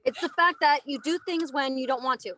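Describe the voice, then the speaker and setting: An American woman in her thirties, an elephant trainer and aerialist, is a guest on a podcast interview. Her voice is high and a little fast, and she tells stories casually, with animated emphasis.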